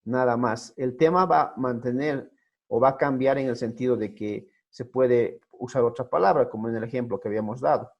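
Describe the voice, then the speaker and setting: A man's voice: medium pitch, moderate pace, muffled recording. A man teaching Bible Greek in an online class, who talks patiently, repeats his points and keeps checking that students follow. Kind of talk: recorded online class lecture.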